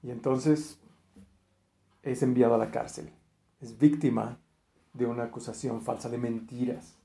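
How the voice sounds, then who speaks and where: A man preaching a sermon, retelling a Bible story in a lively way and acting out the quoted speech, with frequent fillers and restarts. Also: mid-range voice, a little slow, echoey room.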